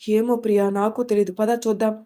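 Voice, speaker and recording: A woman doing a gentle young heroine, earnest. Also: medium pitch, little pitch movement, brisk, close to an everyday voice.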